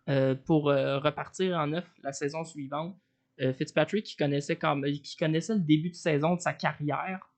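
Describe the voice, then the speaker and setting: A man with a Quebec French accent, co-hosting a sports podcast in casual chat, opinionated but halting with fillers. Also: a little high, creaky.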